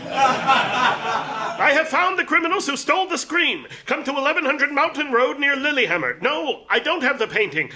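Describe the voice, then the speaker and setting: A man's voice: very high-pitched, pushed and bright, slight background noise, exaggerated voice. An actor playing a pompous, vain male associate museum director in an audio drama. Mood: determined. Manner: pompous, indignant.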